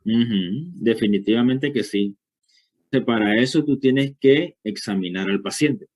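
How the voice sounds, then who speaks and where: Delivering a university lecture a little slowly, a man with a mid-range, somewhat mellow voice walks through the material step by step. He keeps pausing to ask short questions that check whether students follow.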